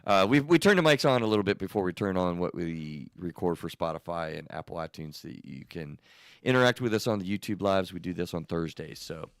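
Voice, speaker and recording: Male podcast host, lower voice, smooth and resonant, lively, laughs a lot, dry close mic. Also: a little fast, no room sound. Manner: animated, laughs easily, rambling restarts. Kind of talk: casual podcast chat.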